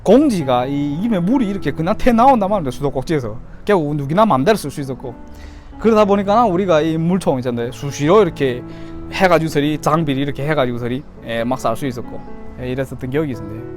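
A man's voice: fairly high pitch, lively intonation, quick pace, faint music behind. A man in his thirties from Yanbian, China, with a Chinese-Korean Yanbian accent, telling stories casually to camera as a YouTuber. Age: 30s. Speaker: YouTuber telling childhood memories.

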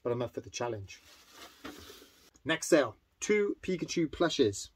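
Speaking a little slowly and very animatedly, this medium-pitched man is an eBay reseller vlogger in his thirties. He goes over his recent sales to camera in a chatty, upbeat way, standing in an indoor room of toy shelves, with slight background noise.

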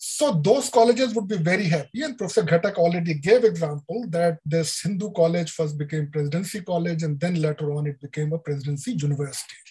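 An older man with an Indian English accent giving an online lecture over a video call, explaining deliberately with frequent fillers. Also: fairly high pitch, warm tone, breathy edge, rough recording. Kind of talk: online lecture on education policy.

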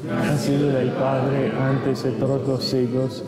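A man leading Mass as priest, intoning the creed and prayers in a steady, measured way, his voice carrying a cathedral echo. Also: medium pitch, a loud crowd. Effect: cathedral echo, long church reverb. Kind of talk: liturgical recitation of creed and prayers. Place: large church. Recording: echoey church hall with congregation. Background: congregation responding.

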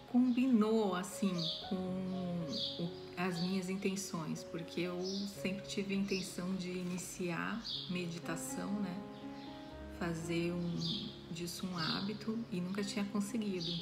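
A woman in her forties giving a casual talk to the camera, unhurried, with pauses and frequent questioning tags. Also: fairly low pitch. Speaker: Reiki student giving a talk. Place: small room indoors.

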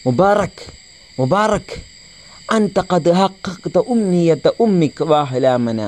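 A man voicing a gentle, consoling male class teacher in a slow, deliberate recitation. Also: a little high, expressive, pitched above the performer's own voice.

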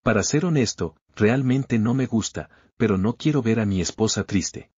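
A man's voice: lowish voice, normal speed, dark tone, slightly rough, no room sound, dull audio. A man voicing a cheeky young son-in-law hero. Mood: cocky. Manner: casual, joking, slangy.

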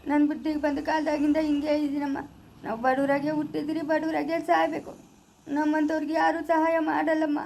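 Brief: woman as a resigned poor village father, soothing and pleading, Chikkaballapura Kannada accent, high voice. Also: a little mellow, a little hiss or hum. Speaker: actor in a family drama. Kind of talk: village family drama acting.

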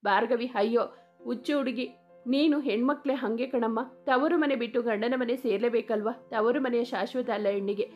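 A woman reading the lines of a gentle older mother in a story, speaking tenderly. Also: fairly high pitch, fairly even intonation, brisk, highs cut off, soft background music, close to an everyday voice. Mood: affectionate.

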